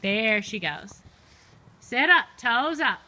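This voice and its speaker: A woman working as a riding instructor, calling out brisk, projected commands as she coaches a lesson in a large indoor arena. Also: fairly high pitch, very animated, bright, forceful tone, low-quality recording.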